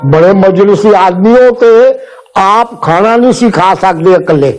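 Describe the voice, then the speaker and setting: A man with a high voice reminisces in a lively, casual way. Faint music sits under his voice. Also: slow pace, low-quality recording. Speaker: interviewee.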